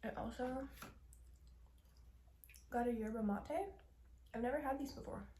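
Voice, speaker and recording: A young woman chatting casually while she eats on camera, candid and swearing offhandedly, often dropping into soft whispered asides. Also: fairly high pitch, unhurried, echoey room, a little hiss or hum. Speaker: mukbang vlogger. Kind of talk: casual mukbang chat while eating.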